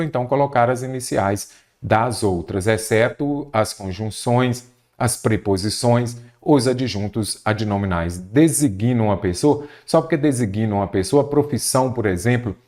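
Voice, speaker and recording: A man's voice: medium pitch, a little mellow. A man teaching a Portuguese grammar exam-prep lesson, explaining step by step and often checking in with the viewer.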